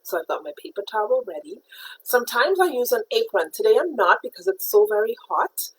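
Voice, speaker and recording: A middle-aged art teacher from Trinidad leads a live painting lesson, patiently walking through her supplies step by step and greeting viewers by name. Her voice is a little high and husky, brisk, with big pitch swings, captured in a low-quality recording.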